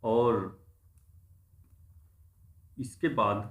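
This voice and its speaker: A man's voice: medium pitch, steady tone, drawn-out words, fairly bright tone, roomy sound. A man teaching English pronunciation in Hindi. He spells words out letter by letter and then explains what they mean. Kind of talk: Hindi-language pronunciation lesson.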